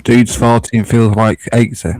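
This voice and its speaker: A man in his early thirties, chatting about food and wrestling in a relaxed, easygoing way on a podcast. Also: medium pitch, moderate pace, no room sound. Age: 30s. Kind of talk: casual chat.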